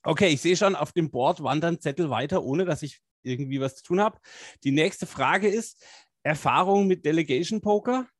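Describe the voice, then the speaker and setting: A man's voice: a little high, moderate pace, dry recording, clean studio sound. A man co-hosting a live stream, an agile coach talking casually and energetically with many fillers.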